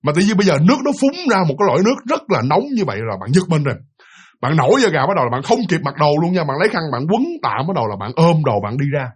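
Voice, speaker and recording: A young man tells a spooky tale in a chatty, stumbling way. He talks very fast in a husky voice. His pitch sits somewhat high. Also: sing-song. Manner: chatty, repeats words and stumbles. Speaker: storyteller. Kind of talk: casual ghost story narration.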